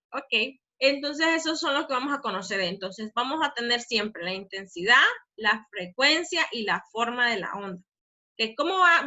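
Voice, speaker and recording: Woman teacher explaining sound waves, bright voice, a bit high, keeps checking in with the class. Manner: explanatory, often asks "¿verdad?" to check understanding; says she talks fast. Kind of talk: recorded physics lesson.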